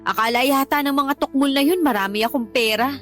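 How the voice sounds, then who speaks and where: In a Tagalog radio drama, an actress with a high-sitting, brisk, natural voice plays a live-in girlfriend who is defensive and easily irritated. Whining and argumentative, she sounds uneasy as she confesses, with a dramatic music bed playing behind her.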